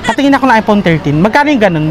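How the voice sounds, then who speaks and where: A vlogger chatting casually to a handheld phone camera, excitable and joking, out on city streets and in a shop. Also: medium pitch, rapid-fire, crowd noise, rough recording. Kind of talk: casual vlog chat. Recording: busy street noise. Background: traffic noise.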